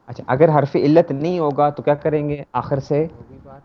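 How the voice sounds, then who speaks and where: A man's voice: on the high side, steady tone. A man with a Pakistani accent giving an online grammar lecture as a religious teacher, explaining each step and asking questions he then answers himself. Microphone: online voice-chat mic. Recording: lo-fi voice chat audio, faint hiss.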